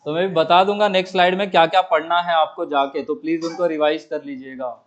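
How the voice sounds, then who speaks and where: A physics teacher, a man with a high voice, lectures a classroom, putting questions to his students and answering them himself. He keeps checking whether they follow. The recording is dull and lo-fi. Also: steady tone, quick pace. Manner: coaxing, repeatedly checks understanding.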